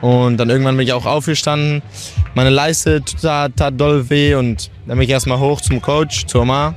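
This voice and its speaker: A young man interviewed outdoors, with faint music in the background. He speaks in a relaxed, chatty way and often breaks off to restart a sentence. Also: medium pitch, moderate pace. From Germany, raised in Portugal. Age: young adult. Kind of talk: casual interview.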